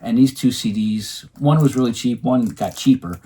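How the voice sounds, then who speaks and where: At home, a male co-host talks loosely about his record purchases, wandering off track with frequent ums and restarts. His voice is medium-pitched, mellow and husky, delivered at a normal pace.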